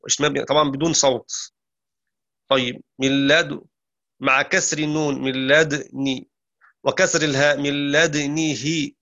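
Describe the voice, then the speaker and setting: A man teaching Quran recitation. He explains rules quickly, recites verses slow and drawn out, and corrects his own slips aloud. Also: medium pitch, fairly even intonation, sharp tone, highs cut off. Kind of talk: tajweed lesson with recited verses.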